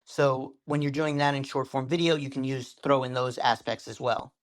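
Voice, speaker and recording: Animated male storytelling coach. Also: mid-range voice, moderate pace. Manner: animated storyteller, varies speed and tone for effect. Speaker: guest, social media coach. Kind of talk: podcast interview.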